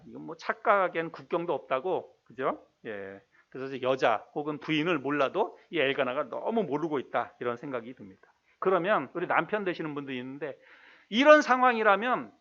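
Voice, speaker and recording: A male pastor preaching a sermon in a conversational way, asking the congregation questions and reading scripture slowly. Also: fairly high pitch, a bit bright, muffled recording. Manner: reads scripture slowly and deliberately.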